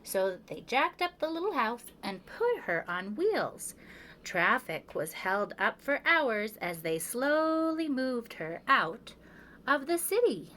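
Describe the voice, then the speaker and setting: A woman reading a children's picture book aloud as a preschool storyteller, with expressive, measured delivery and emphatic pauses. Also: on the high side, slight background noise.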